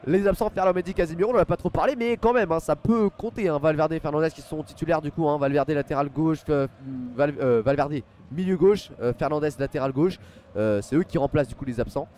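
This young man from France has a fairly high, slightly mellow voice and speaks fast, with a little hiss or hum on his headset mic. Sitting at a desk in a small room at home, he hosts a live football stream, chatting casually through pre-match commentary and chat reading, with lots of fillers and thanks to viewers by name.

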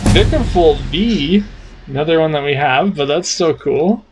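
This card-opening co-host, a Canadian man in his thirties, speaks slowly and expressively in a higher, darkish-toned voice, joking and naming cards as he opens them at a home table. Soft music plays behind the noisy home camera recording of the casual chat.

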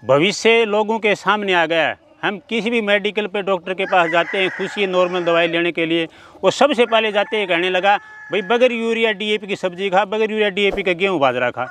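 Earnest farmer with a lilt. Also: male voice, sits high, brisk, a bit bright, slight background noise. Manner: earnest, explains step by step with plain numbers. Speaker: poultry farmer. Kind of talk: outdoor interview. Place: outdoor farm among chickens. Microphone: handheld mic at mid distance. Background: chickens clucking and crowing.

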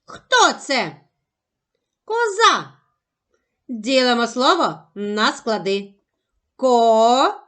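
A woman teaching a phonics lesson to young children, sounding out syllables slowly and carefully. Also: on the high side, sing-song, a bit bright. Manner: slow, careful, over-articulated sounding out of syllables.

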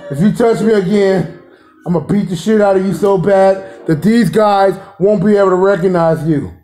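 A man's voice: high-pitched, moderate pace, dark tone, faint music behind. A man hosting a family vlog, trading laughing, profane, mock-threatening banter with relatives. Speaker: vlog host. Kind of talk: rowdy comedic family vlog.

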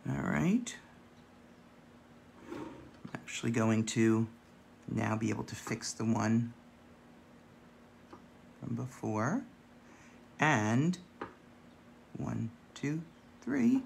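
A man with a gravelly voice, chatting and counting aloud as he demonstrates a painting craft. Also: mid-range voice, expressive, extremely slow, long pauses, a little hiss or hum. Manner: chatty, counts dots aloud while working. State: gravelly voice today. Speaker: craft instructor.

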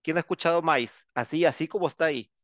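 A male teacher lectures an online class. He is chatty and teasing and keeps prodding students to answer, in a slightly high voice. The audio is dry and muffled. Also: quick pace, fairly bright tone, no echo. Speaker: English teacher. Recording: dull, dry lo-fi sound.

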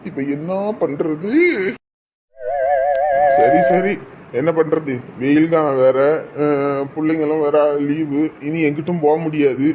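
A man's voice: on the high side, fairly even intonation, takes it slowly, pauses often, mellow, faint music behind. A man playing a blustering bossy husband. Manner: blustering, scolding. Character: bossy husband threatening his brother-in-law. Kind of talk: comic sketch acting.

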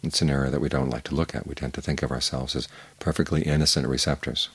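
An older man, a Buddhist monk, giving a calm, measured evening Dhamma talk with unhurried pauses and a husky voice. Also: rumbling low, no room sound.

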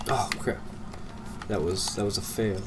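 Stuffed up with a cold, this young let's play commentator chats casually about his game, laughing a lot and letting thoughts trail away. He speaks a little slowly in a fairly low, fairly even voice over a noisy background.

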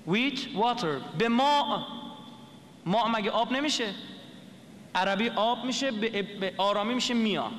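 A man's voice: high-pitched, long pauses, a bit bright, big-room sound, slight background noise. A man lecturing to an audience, explaining a script letter by letter and asking the listeners questions.

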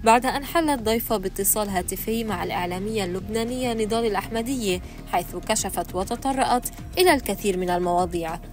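Brisk woman entertainment news narrator. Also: medium pitch. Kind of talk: scripted voice-over narration. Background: soft music.

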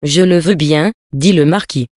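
A haughty aristocrat bargains in short, dismissive lines, voiced by a reader. The sound is dry and close with a mid pitch. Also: unhurried, a little mellow, no room sound, close to an everyday voice. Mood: wagering.

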